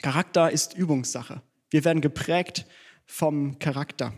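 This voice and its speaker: A man's voice: fairly high pitch, measured pace, breathy edge. A man preaching a sermon in church, conversational and self-deprecating, mixing teaching with personal stories.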